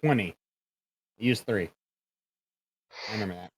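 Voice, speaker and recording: A man's voice: fairly low pitch, moderate pace, breathy edge, poor audio. A man chatting casually as a tabletop game player over a voice call. He thinks aloud and often stops to correct himself mid-sentence.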